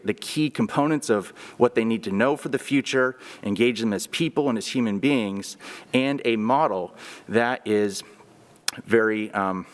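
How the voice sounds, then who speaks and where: A man, a teacher, giving a formal presentation to a school board. He explains his ideas earnestly, with frequent pauses and restarts. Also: lowish voice, long reverb tail. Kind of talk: formal presentation at a public meeting. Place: school board meeting room.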